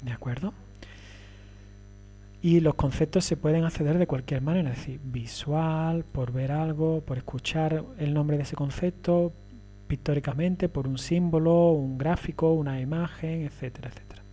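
A man's voice: a little high, normal speed, warm tone. A man giving a recorded lecture, explaining step by step and often checking that listeners follow.

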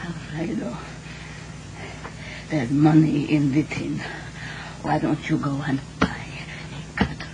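A woman's voice: extremely high pitch, expressive, normal speed. An actress playing a bitter, worn-out young wife and mother in a 1980s radio drama, scornful and close to tears. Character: weary, bitter Italian-Scots wife and mother. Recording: noisy broadcast radio recording.

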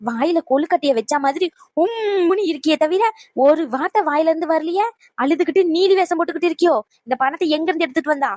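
A woman voicing a bossy, fast-talking mother-in-law. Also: very high-pitched, darkish tone, dry recording. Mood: scolding. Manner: rapid, scolding, bossy. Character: sharp-tongued older mother-in-law, bossy and suspicious. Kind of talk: cartoon voice acting.

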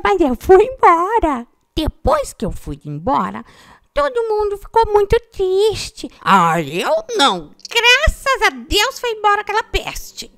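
A woman from São Paulo voicing her pet male parakeet, a sweet, friendly little bird, talking slowly and playfully. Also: very high voice, dry recording, heavily acted. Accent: Brazilian Portuguese, São Paulo. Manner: slow, playful, childlike storytelling.

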